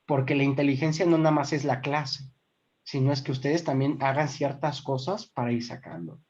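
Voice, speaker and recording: A woman's voice: rumbling low, moderate pace, darkish tone. Mexican woman teaching a class, lo-fi sound. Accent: Mexican Spanish. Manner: explains step by step, checks understanding often; addresses listeners as brothers and sisters. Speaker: formation instructor. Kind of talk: online group class. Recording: dull lo-fi recording.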